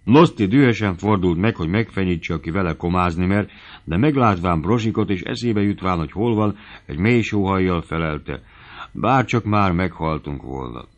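Deep-voiced male audiobook narrator. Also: lo-fi sound.

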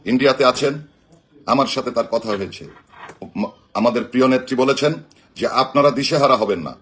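A Bangladeshi man delivers a political address on a live stream. His voice sits at a middle pitch and sounds husky. He speaks in emphatic, slogan-like phrases. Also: fairly bright tone. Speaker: political party activist.

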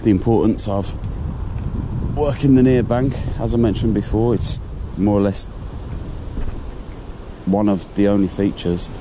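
Low-voiced man narrating outdoor fishing. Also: measured pace, long pauses. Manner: relaxed, explanatory, talking while fishing. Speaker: angler vlogger. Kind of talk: fishing commentary. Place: outdoors on a canal towpath. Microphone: chest-mounted action camera. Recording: outdoor wind and ambient noise.

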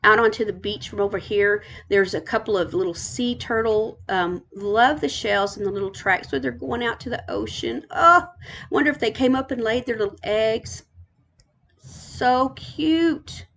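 A woman's voice: a little high, a little slow, vocal fry, fairly bright tone. A middle-aged woman from Texas, hosting a casual tour of a game island, gushing and repeating her praise.

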